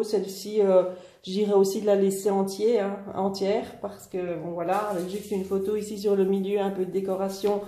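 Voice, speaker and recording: A woman's voice: medium pitch, mellow. A woman who runs a shop, casually presenting new products in a chatty way, with many fillers and repeats. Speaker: online scrapbooking shop owner. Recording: echoey room.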